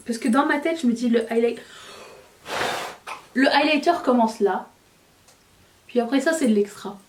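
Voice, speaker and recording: A woman's voice: on the high side, normal speed, recorded from a distance, a little hiss or hum. Woman, beauty vlogger, chatty and self-mocking, roomy echo, a bit off-mic. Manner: chatty, self-mocking, talks while applying makeup. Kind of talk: casual makeup tutorial chat.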